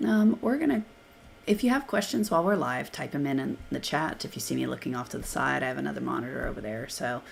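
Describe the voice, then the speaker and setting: A sick woman whose hoarse voice sits very low and gravelly hosts a live software Q&A. She talks casually and thinks aloud as she clicks through screens, over a faint hiss from a computer mic. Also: quick pace. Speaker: software trainer hosting a live Q&A.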